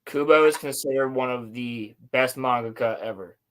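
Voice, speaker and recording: A man's voice: mid-range voice, fairly bright tone, smooth. A man hosting a podcast, chatting casually and stumbling over repeated words. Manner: easygoing, halting, repeats words. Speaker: podcast host. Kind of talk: casual reaction chat.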